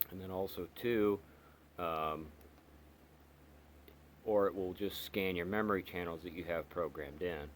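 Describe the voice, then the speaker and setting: This hobbyist's product walkthrough covers a radio's features step by step in a relaxed way. He talks in a low voice, stumbling with ums, pauses, and frequent restarts, while a little background noise is audible.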